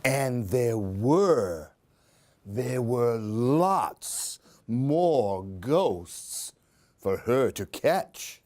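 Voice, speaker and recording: Extremely slow and expressive, the man speaks in a mid-range voice with a darkish tone. He hosts a children's book show and gives Halloween picture books a theatrical reading, full of questions and asides for young listeners.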